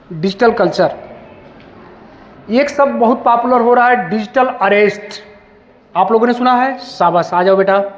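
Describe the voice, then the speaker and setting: A man whose first language is Hindi, a police officer running an interactive school workshop who calls students up one by one with encouragement. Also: high voice. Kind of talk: interactive classroom teaching. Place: school hall. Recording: echoey hall, dull lo-fi sound.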